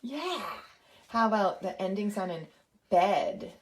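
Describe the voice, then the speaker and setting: A woman's voice: mid-range voice, lively intonation, slow pace. A woman presenting early literacy lessons and playing patient, encouraging phonics games with her young daughter.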